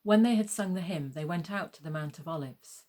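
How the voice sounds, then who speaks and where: A woman's voice: lowish voice, fairly quick, dark tone. A woman narrating a gospel passage as a scripted scripture reading.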